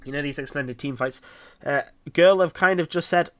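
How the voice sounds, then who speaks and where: Casting a live esports match alone on his own streaming mic, a man chats and rambles with plenty of fillers. His voice is a little high and his pace moderate.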